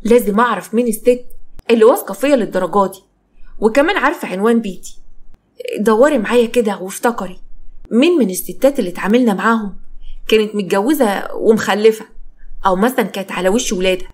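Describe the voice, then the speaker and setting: A woman's voice: mid-range voice, fast talker, long pauses, lightly acted. A woman voicing an independent young Egyptian woman who speaks frankly and earnestly. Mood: worried. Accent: Egyptian Arabic.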